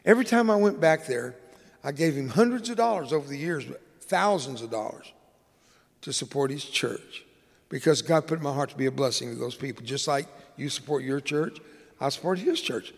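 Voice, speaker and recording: A man's voice: medium pitch, expressive, normal speed, gravelly, big-room sound. A man preaching a sermon, telling a humorous personal story in a conversational way with dramatic swings in delivery. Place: church.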